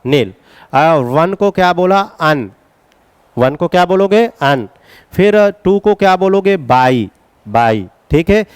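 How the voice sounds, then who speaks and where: A man teaching chemistry in a classroom lecture, coaxing his students with questions and chanting mnemonics in a slow singsong. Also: on the high side, lively intonation, clear, resonant tone, no echo. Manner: coaxing, calls students beta, asks and answers questions.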